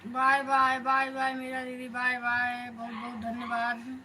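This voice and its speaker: A woman hosts a live stream and chats with her viewers, calling them elder sister. Her voice sits fairly high and she talks slowly. The phone recording carries clear background noise. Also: monotone, pushed and bright, poor audio.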